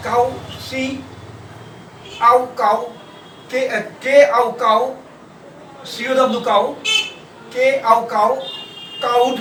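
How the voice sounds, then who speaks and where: A man teaching a shorthand class, repeating words slowly and spelling out their letters. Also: very high voice. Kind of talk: classroom lesson. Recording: roomy, distant, faint background noise.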